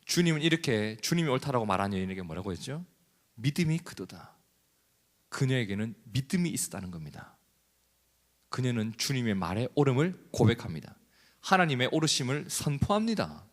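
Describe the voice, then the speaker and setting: A male pastor delivering a sermon in a church, animated and asking the congregation questions. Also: mid-range voice, brisk, big-room sound.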